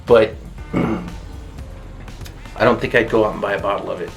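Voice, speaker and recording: A man's voice: lowish voice, fairly even intonation, measured pace, vocal fry, faint music behind. A man co-hosting a fragrance review, giving his opinions in a casual, conversational way.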